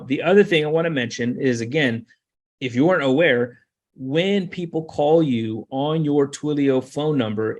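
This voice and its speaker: A man acts as a software trainer in a casual screen-share tutorial, going through steps one by one and repeating points to stress them. His voice sits in the mid range.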